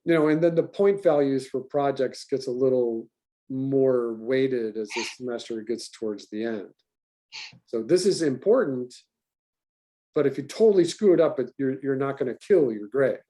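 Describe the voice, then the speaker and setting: A man teaching an online animation class in an animated, talkative way. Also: medium pitch, moderate pace.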